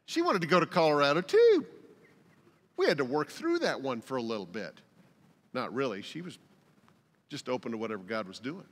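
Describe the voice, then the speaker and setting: Lively folksy older man preaching. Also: mid-range voice, brisk, long reverb tail. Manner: folksy, joking storyteller. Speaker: lead pastor. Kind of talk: sermon. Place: church sanctuary.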